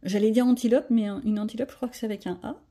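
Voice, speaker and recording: Woman rambling on her coloring vlog, kinda high voice, a bit breathy, laughs at herself. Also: fairly even intonation, rapid-fire, dark tone. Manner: chatty, thinks aloud, self-mocking. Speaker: coloring vlogger. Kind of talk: casual chat while coloring.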